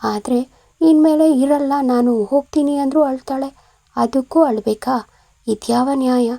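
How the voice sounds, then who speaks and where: A woman's voice: high voice, a little slow, gravelly, dark tone, no echo, full character voice. A woman voicing a resolute young woman who speaks in a pleading, reproachful way. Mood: bitter resolve. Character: resolute young woman, bitter and self-sacrificing.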